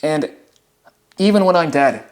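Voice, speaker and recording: A nineteen-year-old man vlogging from home, his voice sitting a little high. He gives a loose, rambling motivational talk. He keeps addressing his viewers as guys and bro. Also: animated, unhurried, a little mellow. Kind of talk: casual motivational monologue. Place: at home near the kitchen.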